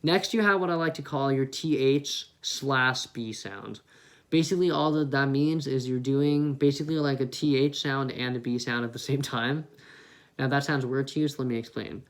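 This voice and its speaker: A man's voice: mid-range voice, normal speed. A man on a headset mic giving a casual beatboxing tutorial, explaining step by step and demonstrating the sounds. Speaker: beatbox teacher.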